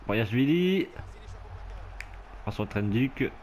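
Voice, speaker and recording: Excitable French-speaking man commenting a rugby game. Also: medium pitch, extremely slow, a little hiss or hum. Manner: excitable, shouts and laughs at the game. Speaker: gameplay commentator.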